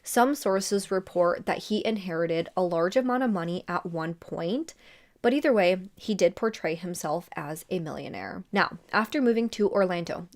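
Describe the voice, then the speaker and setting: A woman hosting a true crime channel, telling a murder case in a casual, conversational way with chatty asides. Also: on the low side.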